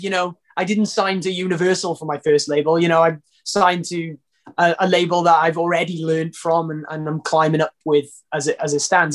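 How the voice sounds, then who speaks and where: A Welsh singer with a notably high-pitched voice chats in an interview. He rambles, restarts sentences and leans on fillers throughout. His talk stays loose and informal. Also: fairly bright tone. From Wales. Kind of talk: casual interview chat.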